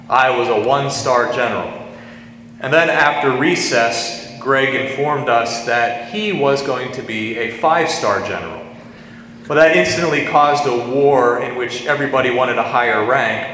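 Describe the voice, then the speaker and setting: A man, preaching a sermon in a folksy storytelling way and slowing down on scripture quotes. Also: mid-range voice, fairly bright tone. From western Pennsylvania, US. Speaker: pastor. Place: large reverberant church. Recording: echoey church hall, faint hum.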